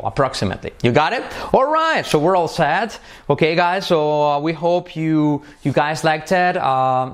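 A man teaching pronunciation in a casual video lesson, switching between languages and repeating words slowly for practice. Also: medium pitch.

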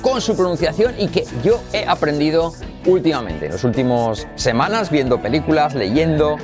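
A man teaching English pronunciation in a bilingual lesson, upbeat, drilling phrases slowly and repeating them. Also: fairly high pitch, big pitch swings, over music.

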